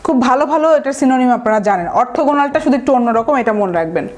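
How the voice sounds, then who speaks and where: A woman with a somewhat high voice gives a recorded vocabulary lesson. She works through each word step by step, slipping in English terms. She often pauses to check that her students are following. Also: lively intonation, darkish tone. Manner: explains words step by step, mixing in English terms; often checks understanding with tag questions. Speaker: vocabulary teacher.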